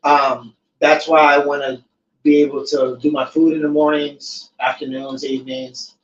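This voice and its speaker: A man's voice: mid-range voice, little pitch movement, moderate pace. Laid-back man, echoey distant mic. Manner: laid-back, swears casually, storytelling with impressions. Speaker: podcast host. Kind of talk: casual chat. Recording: echoey, distant, dull room mic with faint noise.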